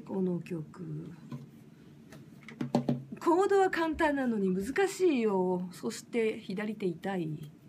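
A woman singer from Fukushima chatting casually and roughly on a late-night livestream, laughing often. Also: high-pitched, a little hiss or hum. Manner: lively, rough casual speech with frequent laughs.

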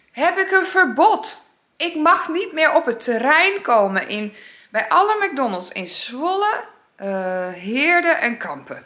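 A woman's voice: mid-range voice, bright, forceful tone. A woman vlogging, casually telling a story and acting out both sides of an argument. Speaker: vlogger, single mother.

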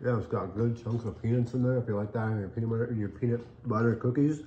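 A man's voice: mid-range voice, fast talker, dark tone, slight background noise. A middle-aged American man, a dad co-hosting a casual cookie review, chatting upbeat while he eats. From United States. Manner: chatty, upbeat, chewing and tasting between lines. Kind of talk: casual chat. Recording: echoey room, dull lo-fi sound.

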